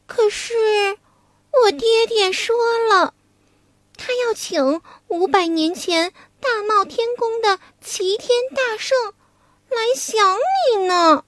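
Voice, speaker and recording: Brief: storybook fake bride played by a woman, high, soft and whiny, teasing, dry close sound. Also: takes it slowly, no room sound, full character voice. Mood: coy pouting. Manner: coy, whiny, pouting. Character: monkey hero posing as coy young bride.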